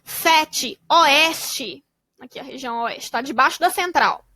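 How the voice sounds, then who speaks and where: A woman teacher with a high, bright voice, sounding out syllables slowly and patiently for children. The recording is dry and close, with no room around her. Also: no echo. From Brazil. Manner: slow, syllable-by-syllable reading. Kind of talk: spelling out syllables for young pupils.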